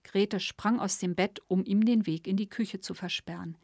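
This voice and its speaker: A woman's voice: mid-range voice, steady tone, normal speed, a little mellow, no echo, clean studio sound. A woman narrating a dramatic story as a storybook reader. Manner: dramatic reading.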